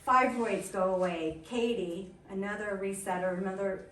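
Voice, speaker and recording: A wellness coach with a mid-range, fairly bright voice gives an upbeat, chatty storytelling talk to a small group at an indoor event in a chiropractic office, sprinkling in quick asides. She's recorded from a distance in an echoey room, with faint ambience and slight background noise.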